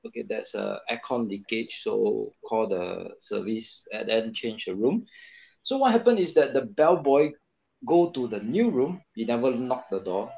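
A man telling a ghost story on a video call, halting, with many fillers and restarts. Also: mid-range voice, creaky, darkish tone, lo-fi sound. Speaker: guest storyteller. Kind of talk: casual chat on a video call.

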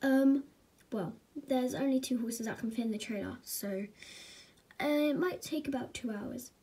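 Woman voicing a horse trailer driver, plain and careful, high voice. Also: unhurried, dark tone, slightly rough. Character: helpful horse transporter, careful and matter-of-fact. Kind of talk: toy horse movie voice-over.

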